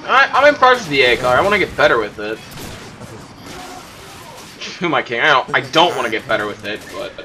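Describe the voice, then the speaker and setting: A man giving casual, self-mocking commentary over his own gameplay, prone to excitable outbursts. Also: mid-range voice, moderate pace, long pauses. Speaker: gaming commentator.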